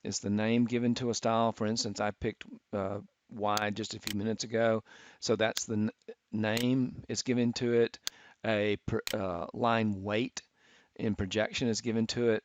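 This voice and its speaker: A middle-aged man teaching architecture students, talking through a software tutorial with many fillers and restarts. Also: lowish voice, little pitch movement, normal speed. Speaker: architecture instructor. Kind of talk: screen-recorded software tutorial. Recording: dull, lo-fi screen capture.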